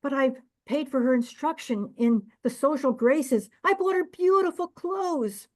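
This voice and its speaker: A woman's voice: high voice, a little slow, voice pushed up. Woman putting on a whiny greedy innkeeper. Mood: wheedling. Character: whining self-pitying male innkeeper, greedy.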